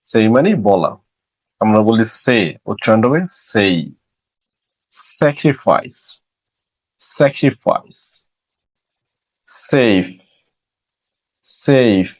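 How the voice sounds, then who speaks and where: Slow, low-voiced Bengali pronunciation teacher. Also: male voice. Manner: slow, drawn-out repetition of each word. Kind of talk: pronunciation lesson.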